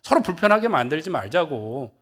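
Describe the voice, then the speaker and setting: A man's voice: fairly high pitch, sing-song, fairly quick, a bit bright, breathy edge, full character voice. A man voicing a sweet-talking tempter spirit. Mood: coaxing. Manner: coaxing, wheedling persuasion.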